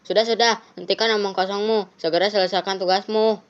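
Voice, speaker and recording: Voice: mid-range voice, fairly even intonation, fast, clean tone, lo-fi sound, voice pushed up, natural voice. A game streamer voicing a brusque, impatient male police officer in a horror game, reading his lines aloud in a scolding tone.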